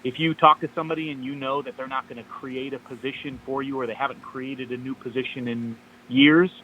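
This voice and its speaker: A man's voice: mid-range voice, flat delivery, a little fast, pushed and bright, slight background noise. A man calling in by phone on speaker, giving upbeat step-by-step advice in a casual chat. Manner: upbeat, gives step-by-step tips. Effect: heard over a phone line on speaker. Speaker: caller.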